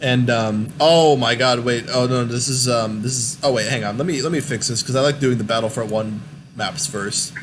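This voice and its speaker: A young man talks casually about video games at an average pitch, rambling along with lots of fillers and false starts. A steady noise sits clearly behind his voice on a home recording. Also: normal speed. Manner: rambling, many fillers and restarts. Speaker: podcast host. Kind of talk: casual gaming chat.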